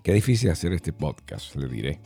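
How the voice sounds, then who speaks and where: A man's voice: very deep voice, big pitch swings, moderate pace, creaky, warm tone, breathy edge, soft background music. A middle-aged Venezuelan man hosting a casual podcast, playful and rambling, acting out bits of street slang. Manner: playful, jumps between topics, acts out quoted slang voices. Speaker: podcast host.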